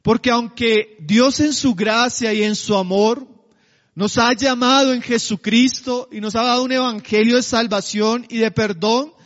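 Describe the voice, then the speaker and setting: A man preaching a sermon, asking his congregation rhetorical questions and slowing down to stress key phrases. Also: extremely high pitch, steady tone, a bit bright, big-room sound, dull audio. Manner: slows to a drawn-out, emphatic cadence on key phrases.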